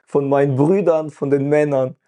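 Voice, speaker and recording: A man's voice: a little high, fairly even intonation, moderate pace, dark tone. A man hosting a podcast, telling a personal story in an earnest, emotional way and often checking in with his listener. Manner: earnest, emotional, full of "weißt du" fillers. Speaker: podcast host.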